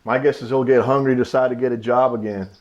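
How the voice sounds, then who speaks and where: An actor playing a concerned older Southern brother who speaks in an earnest, practical way, in a live staged reading. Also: male voice, mid-range voice, fairly even intonation, fast, muffled recording, natural voice.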